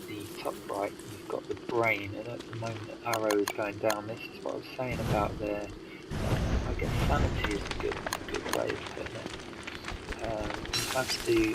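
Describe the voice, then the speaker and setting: Over loud game music in a very noisy recording, a young man commentates his own play with a fairly low, gravelly voice. He sounds a bit stuffy from hay fever and is casual and hesitant, full of ums and restarts.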